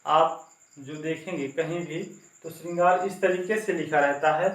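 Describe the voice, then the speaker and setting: Male teacher, high voice, repetitive quizzing, echoey room, distant mic. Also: steady tone, a little slow, a bit bright. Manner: repetitive call-and-response quizzing. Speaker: Hindi spelling teacher. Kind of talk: classroom lesson.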